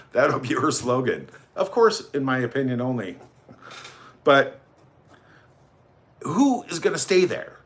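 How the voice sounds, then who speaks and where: A man hosting a casual livestream, reading out viewer greetings and making sarcastic, mocking remarks, jumping from loud outbursts to low mutters. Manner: reads viewer names and greetings aloud. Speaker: livestream host.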